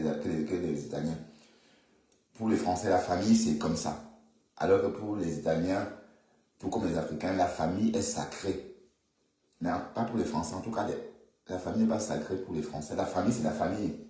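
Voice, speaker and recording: A man's voice: deep voice, warm tone. A man giving casual, opinionated commentary to viewers, repeating himself and restarting his sentences. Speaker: online commentator. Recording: very echoey room.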